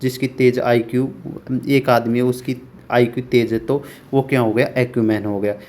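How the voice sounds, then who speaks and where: A man teaching English vocabulary for exams, repeating words slowly and asking rhetorical questions. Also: medium pitch, level tone, a little mellow. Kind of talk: exam-prep vocabulary lesson.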